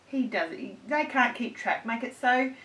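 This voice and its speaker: A woman's voice: a little high, lively intonation, normal speed, a bit bright. Woman, 30s, beauty vlog host, chatty Q&A, roomy distant camera mic. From born in the USA, raised in Australia. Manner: chatty and upbeat, answers at length. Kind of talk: casual Q&A chat. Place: indoors at home on a couch.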